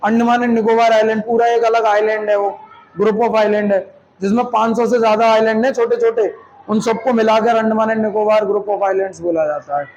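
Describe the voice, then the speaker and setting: High-voiced man teaching a lecture. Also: a little mellow, highs cut off, slight background noise. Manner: explains step by step, asking students rhetorical questions; mixes Hindi with English terms. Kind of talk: classroom lecture.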